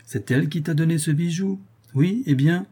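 Guy doing tipsy cavalry dude, fake serious, husky. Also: a little high, normal speed, mellow, voice pushed up. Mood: teasing. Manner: mock-solemn, teasing. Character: grave, tipsy young cavalry officer. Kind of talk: audiobook character reading.

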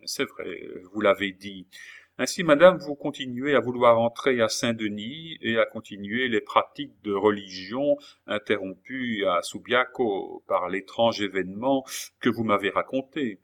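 A man voicing a royal princess who is now a nun, measured, dignified and reassuring, in an audiobook. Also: fairly low pitch, a bit bright. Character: royal princess turned nun, calm, commanding, kindly. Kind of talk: audiobook character voice.

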